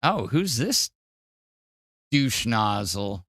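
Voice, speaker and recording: A man hosting a podcast in casual, profane commentary, animated and jumping between loud outbursts and mumbles. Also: mid-range voice, drawn-out words, no echo. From Wisconsin. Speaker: podcast host. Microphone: studio mic in front of green screen.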